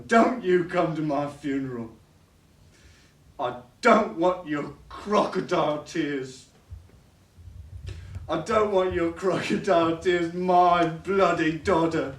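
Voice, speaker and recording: A man's voice: mid-range voice, animated, takes it slowly, long pauses. A man playing a bitter drunken old father on a college stage, rambling and stammering as he pleads and rails. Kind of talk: stage play acting. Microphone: distant room microphone. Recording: echoey stage recorded from far off.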